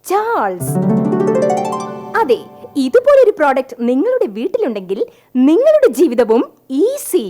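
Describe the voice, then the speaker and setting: A woman playing a bossy wife who pitches her husband like a product in a mock advertisement skit. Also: wildly swooping pitch, measured pace, pauses often, mellow, faint music behind, full character voice. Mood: salesy. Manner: sales-pitch presenter tone, bossy. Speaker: stage comedian.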